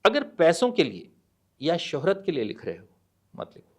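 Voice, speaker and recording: A middle-aged man, a guest author on a podcast, speaking in a measured, deliberate way and mixing Hindi and English, with hesitant pauses. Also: a little high, huge pitch swings. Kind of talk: podcast interview, reading a poem aloud.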